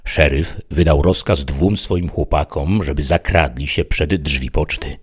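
A man narrating a dramatic audiobook story with an expressive, tense delivery. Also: a bass voice, measured pace, breathy edge.

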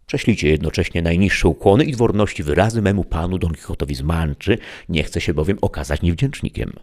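A man voicing a blustering, hungry peasant-governor who grumbles indignantly and loudly. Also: low voice, fairly quick. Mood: pompous. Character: blustering hungry peasant-governor Sancho, male, middle-aged.

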